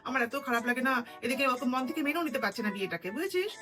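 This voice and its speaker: A woman's voice: high voice, very animated, very fast, music in the background. A middle-aged woman doing a chatty, gossipy comic monologue as a mother talking to friends on a call, with sudden scolding bursts. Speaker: comedy video creator.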